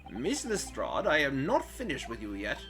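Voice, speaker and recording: A man's voice: mid-range voice, huge pitch swings, normal speed, music in the background. A man doing a stern old judge. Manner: formal, grave. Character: stern older male judge.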